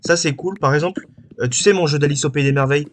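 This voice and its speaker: A man's voice: a little high, quick pace, a little hiss or hum. A man hosting a gaming channel, chatting casually while he plays, rambling and hesitant with many fillers. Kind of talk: casual chat while playing.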